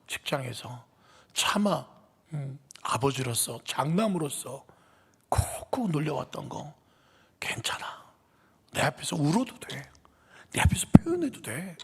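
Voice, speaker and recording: A pastor whispering as a gentle consoling Jesus. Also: male voice, medium pitch, slightly rough. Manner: soft, hushed whisper. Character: tender, consoling male Jesus. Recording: long reverb of a church hall.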